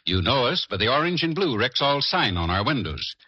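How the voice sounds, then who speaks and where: A man's voice: sing-song, slightly rough. Man announcing an old radio ad. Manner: measured, formal pitch-reading. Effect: old 1950 radio broadcast sound. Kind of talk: scripted radio commercial. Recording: lo-fi archival radio recording.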